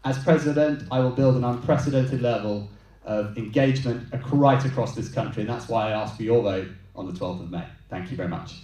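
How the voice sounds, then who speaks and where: A man's voice: medium pitch, fairly quick, warm tone, a little hiss or hum. A man giving a prepared, earnest campaign speech as a candidate at a hustings. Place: large hall with an audience. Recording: echoey hall from far off.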